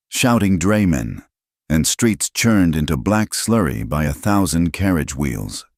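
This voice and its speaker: Very deep male audiobook narrator. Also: vocal fry, no echo, clean studio sound. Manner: measured, dramatic.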